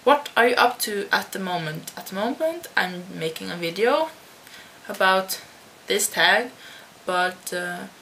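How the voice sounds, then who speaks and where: A Dutch-born teenager records a casual tag video at home on her computer webcam, answering slowly with frequent restarts. Her medium-pitched voice is sharp-toned with lively intonation, the audio is poor, and a computer fan hums faintly.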